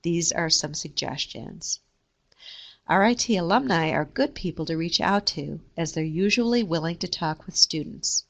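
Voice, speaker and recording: A woman reading a scripted careers lesson in a steady, measured way. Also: on the low side, creaky. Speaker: career services presenter. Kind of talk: scripted instructional narration.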